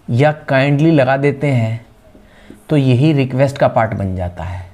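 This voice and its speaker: A man with an Indian accent teaching spoken English, explaining patiently and repeating example phrases slowly. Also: mid-range voice, darkish tone.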